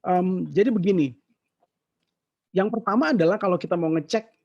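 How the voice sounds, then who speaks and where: A man, giving an animated, casual talk and answering questions in an online session. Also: sits high, normal speed, highs cut off. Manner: animated storytelling, mixes in English words. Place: online session over a shaky connection.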